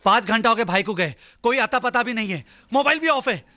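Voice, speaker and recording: Dopey worried henchman, high bright voice. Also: lively intonation, brisk, soft background music, full character voice. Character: dim-witted male gang henchman, worried. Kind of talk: Hindi film comedy acting.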